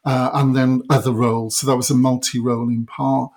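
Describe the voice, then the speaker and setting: A middle-aged man with a Welsh Valleys accent, talking reflectively and a little haltingly as an interview guest. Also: medium pitch, little pitch movement, darkish tone. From South Wales Valleys.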